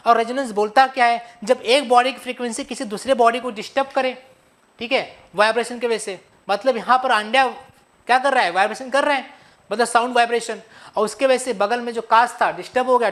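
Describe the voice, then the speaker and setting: A young physics teacher gives a playful revision lecture, calling his students buddy and kids. His very high-pitched voice has a fairly bright tone, and he keeps asking questions only to answer them himself.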